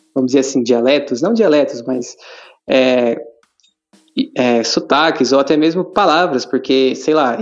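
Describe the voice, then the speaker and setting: A man with a Brazilian accent, an English teacher, calmly explaining with examples. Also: medium pitch, highs cut off. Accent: Brazilian Portuguese. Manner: calm, explanatory, gives examples. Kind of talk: casual explaining.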